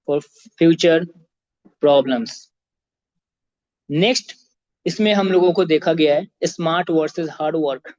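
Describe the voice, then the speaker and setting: High-voiced teacher coaching exam students. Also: male voice, darkish tone, dull audio. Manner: mixes Hindi with slow, deliberate English phrases; addresses students directly with advice. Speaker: biology teacher. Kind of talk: motivational exam-prep talk to students.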